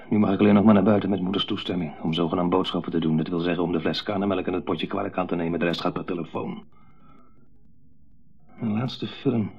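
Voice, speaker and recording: An actor playing a bitter grown son dominated by his mother, delivering a brooding, intense monologue in a 1970s radio play. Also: fairly low pitch. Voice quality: gravelly, husky. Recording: dull 1970s radio broadcast.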